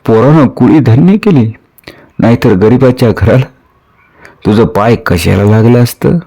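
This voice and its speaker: A man's voice: medium pitch, unhurried, dark tone. A man voicing a humble, proud old village father who speaks in rustic, earnest words in a spoken storybook.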